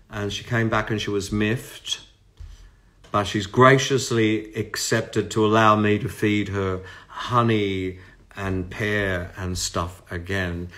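An Australian man in his sixties, a musician chatting casually to his livestream viewers from his home, rambling and affectionate, talking close into a phone. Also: lowish voice. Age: 60s. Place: home room lit with party lights. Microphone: phone camera close up. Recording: guitar music heard loudly behind.

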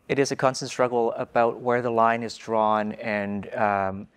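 Thoughtful, hesitant male panel host. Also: medium pitch. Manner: hesitant, thoughtful, with many fillers. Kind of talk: moderating a panel discussion. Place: dark studio stage. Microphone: lapel mic.

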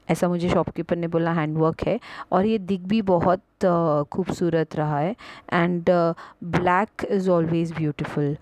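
Slow, low-voiced woman shopping vlogger. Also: a little mellow, no echo, rough recording. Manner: chatty, mixes Hindi and English, frequent "uh" fillers. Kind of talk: casual vlog narration.

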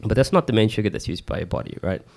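A man explaining things informally and haltingly as a podcast co-host, close on a studio mic. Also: fairly low pitch, animated, vocal fry, a little mellow. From New Zealand. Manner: halting, informal, peppered with "you know". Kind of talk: casual explanatory chat. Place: small indoor podcast studio. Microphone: close boom-arm studio mic with headset.

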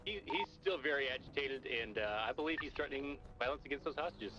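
A man role-playing a police officer, giving halting, formally worded radio reports in a game. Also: medium pitch, expressive, lo-fi sound, over a noisy crowd. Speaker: player acting as police officer. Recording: crowded, busy game voice chat.

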